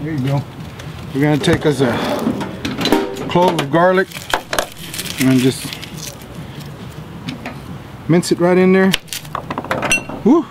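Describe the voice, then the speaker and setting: A man's voice: fairly high pitch, slow, long pauses, background noise. A middle-aged man, hosting a casual backyard cooking demonstration in a jolly, folksy, chatty manner. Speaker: cooking show host. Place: outdoor backyard grilling area.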